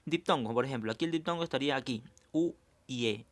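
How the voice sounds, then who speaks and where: A man's voice: mid-range voice, quick pace. A male teacher giving a recorded review lesson, explaining step by step and checking in with his students.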